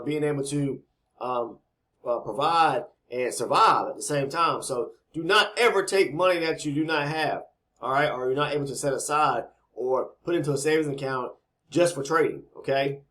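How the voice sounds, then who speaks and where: A trading educator, male, with a slightly raspy, fairly bright voice at medium pitch, talks at a moderate pace. He rambles casually while explaining trading, repeating words a lot and often tacking on "okay?"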